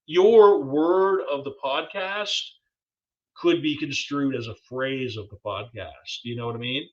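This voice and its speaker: A man's voice: mid-range voice, unhurried, lo-fi sound. A man co-hosting a podcast in casual chat, a former English teacher who talks in a playful, wordy, jokey way. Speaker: podcast co-host.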